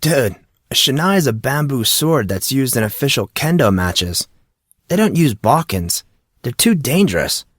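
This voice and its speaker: In clean studio sound with no room tone, a man pitches his voice above his natural range to play a laid-back teenage boy who loves martial arts. The delivery is very animated, fairly bright, and at normal speed, full of casual dude-and-bro slang.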